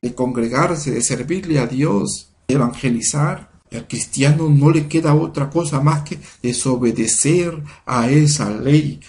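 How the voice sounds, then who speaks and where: A man giving a sermon-style Bible lesson in an earnest, measured way, building his points through repeated phrases. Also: medium pitch, a little mellow. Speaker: Bible study teacher.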